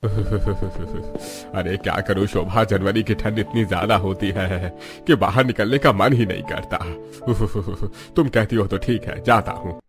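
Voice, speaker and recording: A man voicing a slow, lazy old-fashioned father. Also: fairly low pitch, music in the background. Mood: easygoing. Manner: slow, chuckling. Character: lazy, good-natured middle-aged father.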